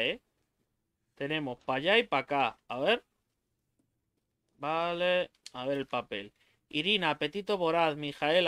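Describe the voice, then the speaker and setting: A man's voice: a little high, fairly bright tone, smooth, no echo. A young man with a Spain Spanish accent doing let's play commentary on a horror game, swearing freely and yelping in fright. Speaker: gaming YouTuber.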